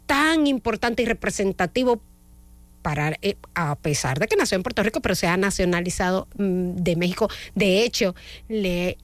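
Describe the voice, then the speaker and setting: A woman's voice: medium pitch, animated, moderate pace, dry recording. A Dominican woman hosts a morning radio music show, chatting freely with fillers and self-corrections. Her voice sits in a middle register for a woman. The studio sound is dry and close. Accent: Dominican Spanish. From Dominican Republic. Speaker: radio host.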